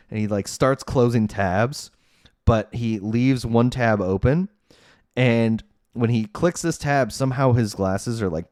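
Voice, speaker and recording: Brief: male podcast host, lowish pitch, sarcastic and rambling, dry studio sound. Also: a little mellow, no echo. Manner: sarcastic, chatty, many fillers. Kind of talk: casual movie recap.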